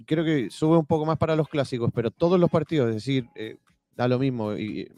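A man with a Chilean accent in a casual sports chat, briskly reading out figures with small hesitations. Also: medium pitch, dark tone, no room sound. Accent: Chilean Spanish.

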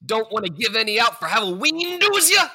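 Man playing a wise-guy ghost of future, husky tough-talk, wild pitch swings. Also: big pitch swings, measured pace, bright, forceful tone, exaggerated voice. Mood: menacing. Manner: streetwise gangster slang, gruff. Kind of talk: comedic audio drama.

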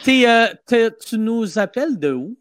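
A high-voiced man with a Québécois French accent takes calls in the studio, his pitch leaping up and down as he jokes and laughs. The sound is dry and close. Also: animated, unhurried, no room sound. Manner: joking, laughs often. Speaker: podcast co-host. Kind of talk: casual call-in chat. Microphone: studio mic.

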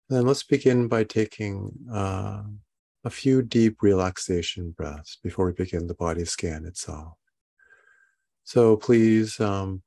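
Slow, creaky-voiced man guiding meditation. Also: lowish voice, mellow. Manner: halting, unhurried instruction with long pauses. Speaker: meditation guide. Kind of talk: guided body scan meditation.

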